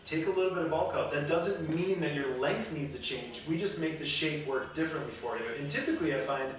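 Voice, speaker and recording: A man's voice: on the high side, a little fast. A man hosting a casual advice talk as a hairstylist, explaining things in a conversational, roundabout way. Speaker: hairstylist and show host. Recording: very echoey room, distant mic, faint noise.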